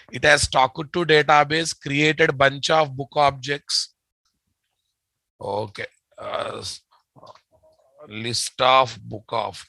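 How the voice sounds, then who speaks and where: A programming teacher with a Telugu Indian accent gives an informal lecture in a medium-pitched, bright, forceful voice with no room sound. He repeats phrases and talks directly to his students, calling them guys and boss.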